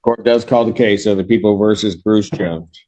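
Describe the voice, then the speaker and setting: A man's voice: fairly low pitch, steady tone, normal speed, mellow, slight background noise, poor audio. A man speaking formally as a judge in a courtroom, questioning and giving procedural rulings. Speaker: judge presiding over a court hearing.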